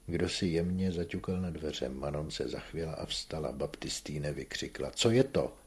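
A man with a very deep, husky voice narrates an audiobook. He reads calmly and steadily, in a measured way.

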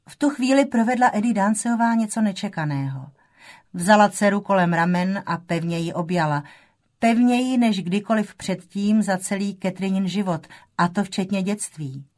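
A woman narrating an audiobook in a calm, measured way. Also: medium pitch. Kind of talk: scripted narration.

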